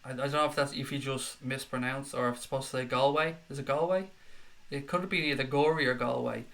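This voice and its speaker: A man's voice: medium pitch, fairly even intonation, fast, vocal fry, fairly bright tone. Chatty Dublin Irish man with a head cold. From Dublin, Ireland. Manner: chatty, matey, reads messages aloud and answers them. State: slight head cold, swallowing a lot. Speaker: live stream host reading viewer comments. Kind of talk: casual live-stream chat.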